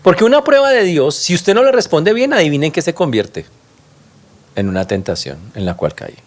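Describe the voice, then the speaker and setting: Male pastor, lively swooping delivery, emphatic sermon, talks straight to the congregation. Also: a little high, normal speed. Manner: animated, emphatic preaching with sound-effect interjections; addresses congregation directly with questions.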